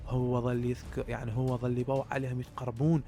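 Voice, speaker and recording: A man with a Baghdad Iraqi accent tells a spooky desert tale at a quick clip. His voice is gravelly with a lot of vocal fry. He talks straight to his listeners and keeps the tension building. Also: medium pitch, level tone, dark tone, slight background noise. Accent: Iraqi Arabic, Baghdad. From Iraq. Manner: addresses listeners directly, builds suspense. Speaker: storyteller. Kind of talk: casual spoken horror storytelling.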